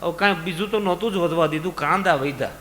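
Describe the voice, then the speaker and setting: A man with a Gujarati accent preaching a devotional sermon, telling sacred stories with dramatic swings between loud calls and soft low lines. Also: steady tone, racing, a little hiss or hum. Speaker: katha preacher. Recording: long reverb, music behind, live event. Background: musical instruments.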